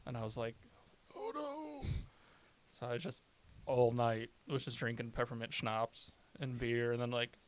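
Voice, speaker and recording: A man's voice: medium pitch, level tone, normal speed, clean tone. A man, a stand-up comedian, chatting casually on a podcast, telling rambling stories and swearing often. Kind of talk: casual chat.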